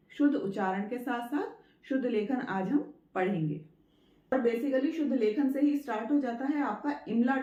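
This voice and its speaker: A woman with a fairly high, mellow voice gives a patient spoken lesson. She repeats her points, checks in with her listeners and slows down to sound out words one syllable at a time. The room is echoey and the recording sounds dull and lo-fi. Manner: spells out words slowly syllable by syllable. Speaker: Hindi teacher. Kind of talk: spoken Hindi writing lesson.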